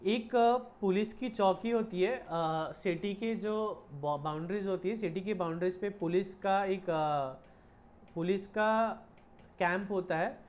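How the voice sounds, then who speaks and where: A woman commerce teacher talks through an online accounting lesson. She mixes Hindi with Indian-accented English and repeats key points. Her voice sits at a middle pitch. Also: a little slow, a little mellow. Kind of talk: online lecture.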